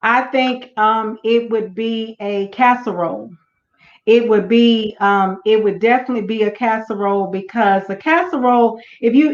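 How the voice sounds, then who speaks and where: A woman on a church panel, talking in a thoughtful, unhurried way with many fillers and restarts. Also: a little high, echoey room, dull audio. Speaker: panel guest. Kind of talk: casual church panel talk. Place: church event room.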